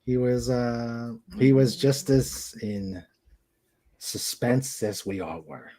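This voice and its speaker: A slow, warm, mid-range voice belongs to a man hosting a casual live chat from a room with a couch at home. He works through viewer comments in a hesitant, meandering way, saying the same phrases over.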